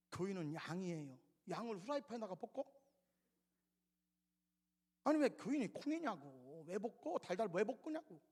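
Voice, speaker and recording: A male pastor preaching an expository sermon, acting out quoted voices, swinging between shouts and whispers. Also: sits high, breathy edge. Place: church sanctuary. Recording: reverberant church sanctuary.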